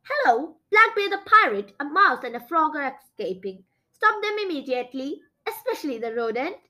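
A woman voicing an imperious mermaid queen who gives orders and sings a slow, hypnotic song in a storybook reading. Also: sits high, sing-song, bright, forceful tone, full character voice. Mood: commanding.

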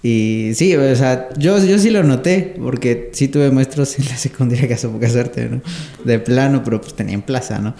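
Gravelly Mexican man in echoey room. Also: medium pitch, normal speed. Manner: relaxed, slangy, frequent backchannel. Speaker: podcast host. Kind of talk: casual chat.

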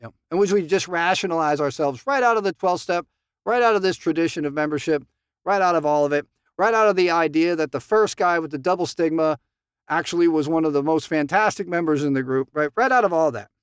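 A man with a fairly high, smooth, resonant voice leads a recovery group through a reading and comments as he goes. He talks lively, voices the quoted lines, and keeps asking "right?" The sound is close and dry. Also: fairly quick, no room sound.

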